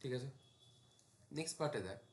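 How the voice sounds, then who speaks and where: A man's voice: mid-range voice, expressive, a little fast, reverberant, a little hiss or hum. A man, teaching a math lesson in a casual classroom style and talking students through each step as he writes. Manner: talks students through steps while writing, asks them checking questions. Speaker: math tutor.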